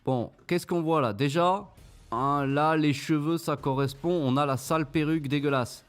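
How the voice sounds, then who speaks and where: A man's voice: on the high side, normal speed. Sarcastic French-speaking man mocking on screen. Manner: mocking, sarcastic, swears casually. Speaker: channel host reviewing an investment scheme. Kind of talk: screen-share commentary.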